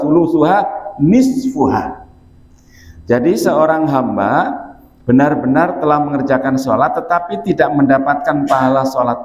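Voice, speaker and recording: Folksy preacher, higher voice. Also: male voice, darkish tone. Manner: folksy and joking, addressing listeners directly. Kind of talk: evening mosque sermon. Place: mosque. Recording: echoey, slightly muffled mosque recording.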